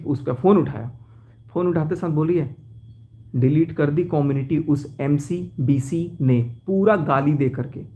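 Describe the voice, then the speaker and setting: A young man speaks to his viewers from inside his car, worked up as he tells a personal story in a vlog. His voice is on the high side for a man, with a gravelly, fry-laden edge and a dark, mellow tone. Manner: agitated, recounting a betrayal to viewers. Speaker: vlogger.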